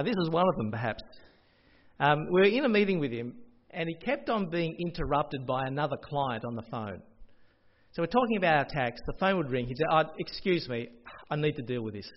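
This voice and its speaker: Pastor preaching, slightly high voice. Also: male voice. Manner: expressive, builds to loud proclamations. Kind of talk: sermon. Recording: dull lo-fi audio.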